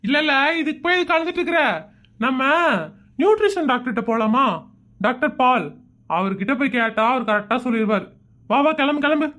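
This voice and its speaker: A woman's voice: high-pitched, animated, a little fast, a bit bright, pitched below the performer's own voice. A woman voicing an exasperated, sarcastic husband in a comedy skit. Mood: coaxing.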